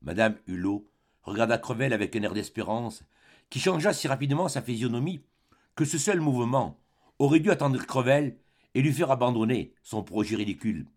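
A man narrating an audiobook of a classic novel in a measured, expressive literary reading. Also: mid-range voice. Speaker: audiobook reader.

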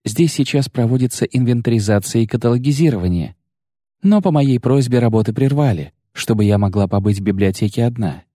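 A man's voice: mid-range voice, brisk, dark tone, no room sound, clean studio sound, close to an everyday voice. A man voicing a sly, sensual young sorceress in an audiobook reading, teasing, coaxing and self-assured.

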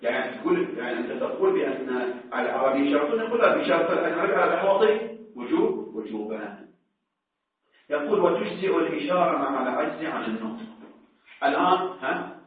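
Fast-talking man teaching law. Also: a little high, sing-song. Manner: questions students, repeats words for emphasis. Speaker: seminary teacher. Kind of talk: religious law lecture. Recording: distant, echoey, phone-like.

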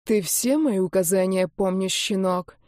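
A woman reading the part of a wounded young man who speaks in an urgent, hoarse, broken half-whisper. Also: mid-range voice, measured pace, a little mellow, no echo, clean studio sound, lightly acted. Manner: urgent, commanding, gasping. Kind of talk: audiobook character reading.

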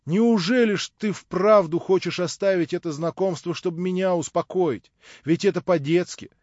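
An anxious young woman, pleading fast and fretful, her voice raised a little higher than the reader's own, as a male narrator puts her on. Dull, dry lo-fi recording. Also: a little mellow, no room sound, lightly acted. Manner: urgent, fretful.

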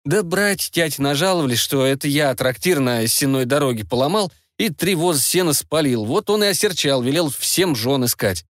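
Man playing teen prince, naive, sulky, drawling, whiny, lively pitch, dry close recording. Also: normal speed, hardly any pauses, dry recording. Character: sulky 15-year-old tsarevich boy, naive.

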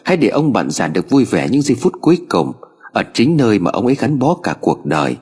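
A man voicing a gentle, grave old master who speaks in a solemn, consoling way. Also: mid-range voice, very animated, quick pace, slightly rough.

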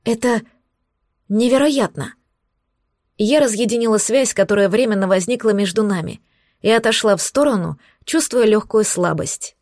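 A woman narrating a novel in the first person, in an even, attentive storytelling manner. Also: medium pitch, brisk, no echo, studio quality. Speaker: audiobook narrator.

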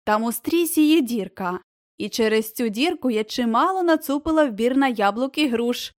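A cheeky old crow that caws and chatters with glee, as a woman reading a storybook puts her on. Her voice sits fairly high and sounds close and dry, with no room around it. She mutters to herself in a sly, knowing way. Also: animated, moderate pace, no room sound, close to an everyday voice.

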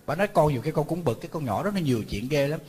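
A man's voice: a little high, animated, racing, darkish tone, slightly rough. A man, a monk giving a conversational sermon, telling family stories and acting out scolding asides. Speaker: Buddhist monk teacher.

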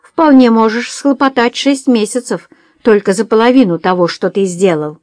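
A woman voicing a cool, cynical male swindler who talks in a slow, coaxing, amused drawl. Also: fairly high pitch, darkish tone, no room sound, clean studio sound, voice pushed up, close to an everyday voice. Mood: mocking.

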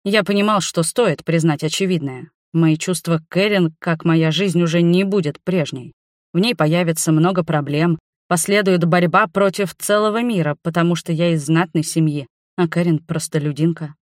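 A reader telling a fantasy romance in the first person, with a mid-range voice and a steady, even delivery. The recording is close and dry, with no room sound. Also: medium pitch, normal speed, dry recording. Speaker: audiobook reader. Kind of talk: scripted audiobook narration.

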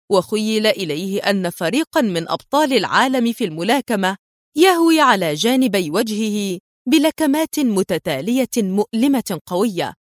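A woman reads a spy thriller aloud in a steady, expressive voice at a middle pitch. The recording is dry and close, with no room sound. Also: dry recording. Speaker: audiobook narrator. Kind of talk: dramatic audiobook narration.

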